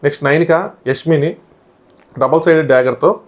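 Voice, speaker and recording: A man's voice: on the high side, brisk. A man casually reviewing a reality show episode, retelling what happened and often quoting people. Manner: animated retelling of events, often quoting others.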